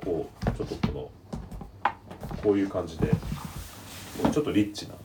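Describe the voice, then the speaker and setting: A man's voice: low voice, normal speed, very noisy. A man hosting a radio-style talk show, telling rambling anecdotes in casual chat. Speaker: podcast host.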